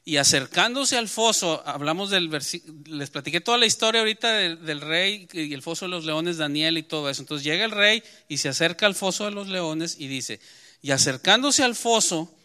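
Bright, clear-voiced pastor preaching. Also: male voice, on the high side, expressive, normal speed. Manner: emphatic preaching that swells and then drops to a quiet close. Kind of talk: sermon with scripture reading.

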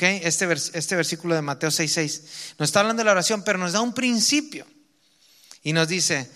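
Bright-voiced Mexican preacher in a hall. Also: male voice, fairly high pitch. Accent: Mexican Spanish. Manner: reads scripture slowly and emphatically, then explains in casual asides. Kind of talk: sermon.

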